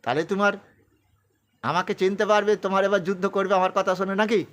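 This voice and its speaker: A man's voice: sits high, fairly even intonation, fairly quick, fairly bright tone. A man voicing a stern, commanding divine lord, declaring solemnly inside a sermon.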